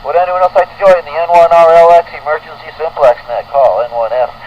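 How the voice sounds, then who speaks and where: A man's voice: on the high side, steady tone, fast talker, a little mellow. A middle-aged or older man, running a radio net roll call in a chatty, folksy, rambling way. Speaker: radio net control operator. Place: indoor radio room with window open. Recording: noisy dull ham radio audio, distant.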